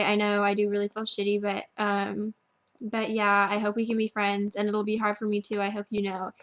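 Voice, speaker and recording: A woman's voice: mid-range voice, a bit bright. A teenage girl casually telling a friend a story at home, filling every phrase with "like". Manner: chatty, constant "like" filler. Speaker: vlogger.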